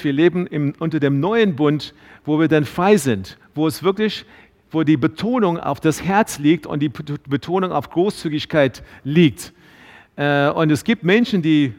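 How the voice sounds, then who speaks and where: A man's voice: on the high side, a little mellow. Pastor, man, sermon in a hall with long reverb; hesitant delivery, lots of restarts. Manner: halting, many fillers and restarts.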